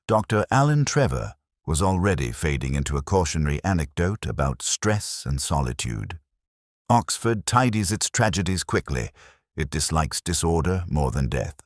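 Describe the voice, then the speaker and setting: In a literary first-person detective drama, a man narrates as a melancholy, world-weary investigator, measured, brooding and solemn. His voice is extremely low, recorded with clean studio sound and no echo.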